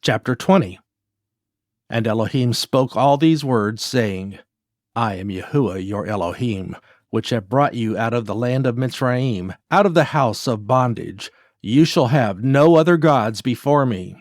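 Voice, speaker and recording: A man giving a measured, solemn scripted reading of scripture. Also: mid-range voice, lively intonation, no echo, clean studio sound. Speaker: scripture reader.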